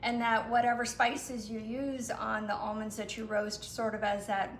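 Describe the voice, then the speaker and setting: A woman guest explaining her recipes in a relaxed, casual chat, with lots of fillers. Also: a little high, moderate pace. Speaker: guest cook. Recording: echoey room with some noise.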